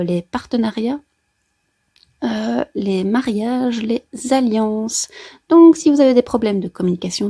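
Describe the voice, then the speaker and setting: A woman's voice: a little high, mellow, slightly rough. A woman with a Brussels Belgian accent chats casually and playfully to viewers, explaining astrology like a therapist, with colloquial asides. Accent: Brussels Belgian French. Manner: playful, chatty, with colloquial asides and sound effects.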